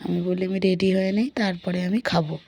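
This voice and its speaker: Woman with a sore, gravelly throat. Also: lowish voice, fairly even intonation, brisk, a little mellow. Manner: chatty, recounting chores and family talk. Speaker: vlogger. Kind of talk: casual daily vlog narration.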